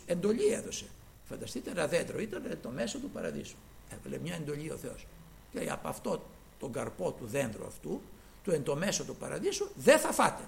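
A man preaching a sermon, with a high voice that leaps all over its range. His tone is gravelly, with fry at the ends of phrases. He moves from loud, fervent cries to hushed asides and acts out the voices he quotes. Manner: fervent, swinging between loud exclamations and quiet asides.

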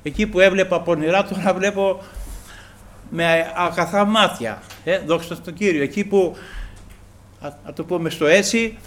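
Preaching a sermon to his congregation, a man speaks in a high-sitting, fairly bright voice. He halts frequently, fills pauses with sounds and keeps repeating praise to the Lord.

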